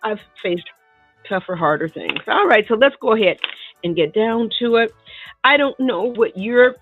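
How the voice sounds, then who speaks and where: A middle-aged woman with a fairly high, nasal, congested voice chats with viewers at a moderate pace and with lively intonation as she sets up a painting lesson in her home studio, live-streaming as an art teacher. She's chatty, laughs a lot, and calls viewers "y'all" and "baby." A desk mic near the table picks her up, the narrow-band stream audio sounds tinny, and soft music plays in the background.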